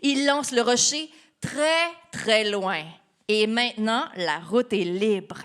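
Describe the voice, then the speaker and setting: A woman's voice: a little high, takes it slowly, fairly bright tone, clean tone. A woman with a Québécois French accent reading a story to children at storytime, playful and chatty with her audience. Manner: playful, asks the children questions, laughs often. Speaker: storytime reader.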